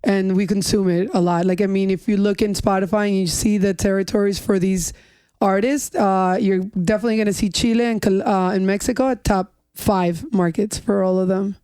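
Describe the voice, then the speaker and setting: A woman's voice: mid-range voice, steady tone, brisk, warm tone, clear, resonant tone, no echo. A middle-aged woman from New York, chatting casually as a podcast guest and joking about her age. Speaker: music executive guest.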